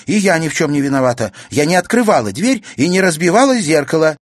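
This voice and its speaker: A man's voice: mid-range voice, expressive, normal speed, dry recording, studio quality, pitched above the performer's own voice, close to an everyday voice. A man voicing an indignant, frightened teenage girl in a storybook reading. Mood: protesting. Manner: heated, protesting.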